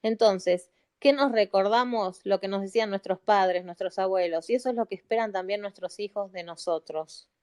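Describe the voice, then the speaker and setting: A woman's voice: medium pitch, normal speed, a little mellow, smooth. A middle-aged woman with an Argentine Spanish accent, a psychologist making a heartfelt, pleading appeal to listeners on a live audio chat, repeating phrases for emphasis. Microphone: phone or computer mic in a live audio room.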